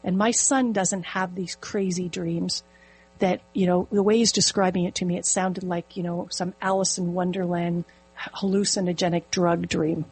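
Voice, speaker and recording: A middle-aged woman telling a personal story in casual conversation, animated and vivid. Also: lowish voice, moderate pace, slightly rough, rough recording. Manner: animated, storytelling with quoted inner speech. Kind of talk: casual chat.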